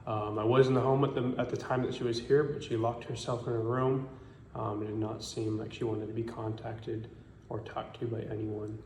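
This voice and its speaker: A man's voice: medium pitch, little pitch movement, normal speed, darkish tone, roomy sound, slight background noise. A man in his twenties giving a hesitant statement to camera, with many ums. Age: 20s.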